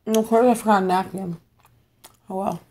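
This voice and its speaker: A woman's voice: mid-range voice, fairly even intonation, moderate pace, mellow. A young woman vlogging from home in a casual eat-with-me chat, bubbly and chatty, talking between bites while losing her voice. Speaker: mukbang vlogger.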